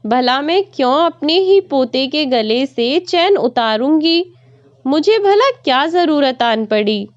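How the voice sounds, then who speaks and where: A woman's voice: high voice, lively intonation, takes it slowly, no room sound, dull audio. Woman doing a timid pleading old mother-in-law. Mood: fearful, pleading. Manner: pleading, trembling.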